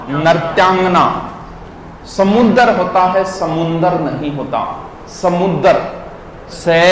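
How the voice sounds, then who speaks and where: A man, teaching in a classroom lecture and drilling words syllable by syllable while quizzing his listeners. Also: high-pitched. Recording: echoey hall with faint noise.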